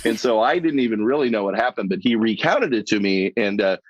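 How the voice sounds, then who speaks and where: A middle-aged man, a podcast guest, telling lively anecdotes in conversation and laughing as he goes. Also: lowish voice, fairly quick, no room sound. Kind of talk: storytelling in a podcast interview. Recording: dull lo-fi sound, dry.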